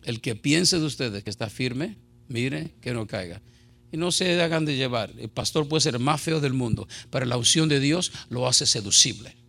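A man's voice: mid-range voice, expressive, normal speed, vocal fry, bright, forceful tone. A middle-aged male pastor preaching a sermon in an impassioned, conversational way, full of rhetorical questions.

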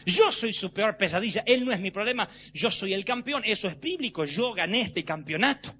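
A man's voice: sits high, expressive, fairly quick. A man preaching a sermon to a church congregation, pressing his points with emphatic, rising declarations. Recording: slightly dull with faint hum.

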